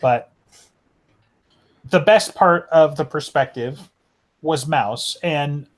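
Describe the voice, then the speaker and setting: A man's voice: on the high side, slow pace. A man co-hosting a podcast, talking about a book casually and rambling, with many fillers and restarts. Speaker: podcast co-host.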